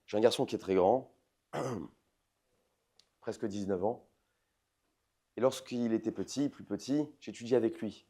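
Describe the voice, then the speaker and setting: A man in his forties, a rabbi, giving a lively lecture to an audience, swinging between loud emphatic outbursts and soft intimate asides, often asking the listeners questions. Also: lowish voice, a little slow, long pauses. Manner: addresses the audience directly with questions.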